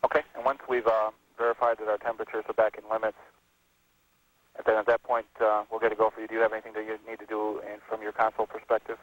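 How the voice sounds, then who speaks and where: A man's voice: fairly low pitch, monotone, quick pace, no echo. A man directing a launch test, asking short methodical procedural questions over a radio communications loop. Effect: radio comms loop transmission. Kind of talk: mission control loop communications. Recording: narrow phone-like radio band, dry.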